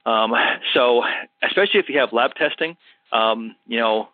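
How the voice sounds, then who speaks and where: A man who is a health practitioner hosts a health show and answers a caller casually and thoughtfully, using many fillers. His mid-range voice moves at normal speed, and the recording is dry, with a narrow, phone-like sound.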